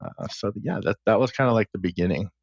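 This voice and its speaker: A man's voice: lowish voice, fast talker, creaky, no echo, muffled recording. A man chatting casually as a podcast guest, recounting his career path step by step. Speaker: podcast guest, smart contract engineer. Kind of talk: casual interview chat.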